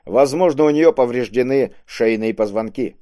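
A man's voice: medium pitch, moderate pace, warm tone, no room sound, clean studio sound, natural voice. A man doing a matter-of-fact medic. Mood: calm. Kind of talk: audiobook character voice.

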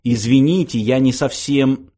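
A bewildered young Earthman who stumbles over his words, never quite sure what is happening around him, as a male narrator plays him. The voice sits near the reader's own, unsure and halting. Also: medium pitch, mellow, pitched above the performer's own voice, lightly acted. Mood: embarrassed. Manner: confused, hesitant.

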